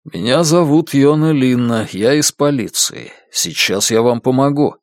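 A man reading aloud and voicing a steady police detective who talks in a firm, reassuring way. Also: medium pitch, moderate pace, no room sound, clean studio sound, natural voice. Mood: steady urgent.

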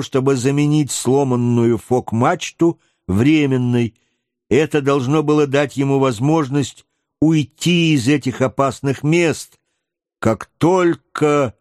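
A man narrating an adventure novel as an audiobook, in a measured, deliberate storytelling manner. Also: mid-range voice, a little mellow, no room sound, clean studio sound.

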